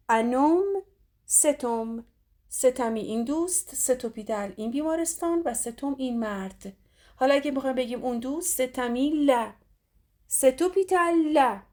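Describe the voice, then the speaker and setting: A middle-aged woman from Iran teaching French grammar. She says French phrases slowly and carefully, then explains quickly in another language. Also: high voice, darkish tone. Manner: slow deliberate French model phrases, quick Persian explanations. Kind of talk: grammar lesson explaining in Persian.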